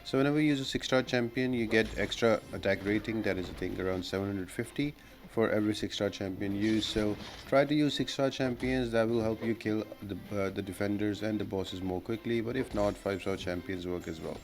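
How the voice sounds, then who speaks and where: Hosting a gaming guide, a man offers casual, step-by-step walkthrough commentary in a lowish, brisk voice. The voice-over is clearly noisy, with background ambience.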